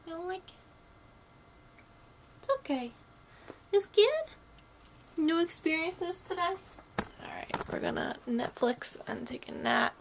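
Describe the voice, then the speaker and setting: A sick woman with a stuffy nose and a sore throat, chatting casually to camera at home in a rambling, soft-hearted way. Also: high-pitched, normal speed, vocal fry, long pauses, slight background noise. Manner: rambling, soft-hearted talk to pets and objects. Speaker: vlogger. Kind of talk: casual chat to camera, sick day vlog. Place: at home in a bedroom.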